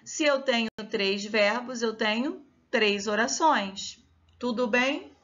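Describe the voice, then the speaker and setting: A woman's voice: a little high, slow, a bit bright, lo-fi sound. A woman teacher with a Brazilian Portuguese accent giving a grammar lesson and explaining step by step. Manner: explains step by step, checks with students.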